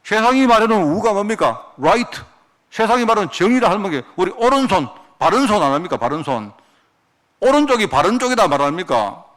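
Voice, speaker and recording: A male pastor delivering a sermon with a high, lively voice that climbs and dips all over. He keeps tossing rhetorical questions at the congregation. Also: brisk. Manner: animated preaching with rhetorical questions.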